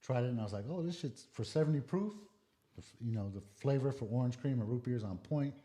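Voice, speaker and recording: Man, casual podcast guest, relaxed storyteller, swears a lot, mid-pitched. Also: quick pace. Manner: laid-back storytelling, frequent swearing. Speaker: guest, drinks content creator.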